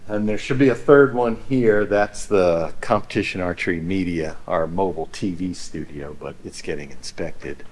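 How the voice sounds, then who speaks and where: A man chatting casually as he guides a walking tour, explaining things in a halting, informal way. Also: sits low. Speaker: company employee giving a warehouse tour. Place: large indoor warehouse, walking around. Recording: clear warehouse background noise.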